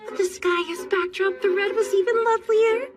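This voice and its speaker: Sugary young anime noblewoman, extremely high voice, overacted, coy and theatrical, loud music behind. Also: fairly even intonation, a little fast. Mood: coy, gushing. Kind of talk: overacted English anime dub acting. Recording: distant sound under loud music.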